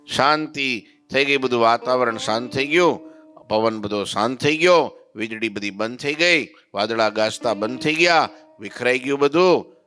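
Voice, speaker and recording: Man giving a devotional sermon, storyteller type, slow chanted verses, faint music underneath. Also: mid-range voice, pushed and bright. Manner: storytelling, chants verses slowly, asks listeners questions. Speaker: religious preacher.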